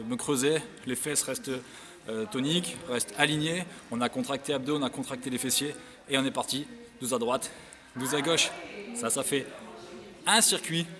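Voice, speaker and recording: Man coaching a workout in an echoey hall. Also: medium pitch. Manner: instructive, counts reps while exercising. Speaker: fitness coach. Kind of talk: workout demonstration. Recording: echoey hall, distant mic, music.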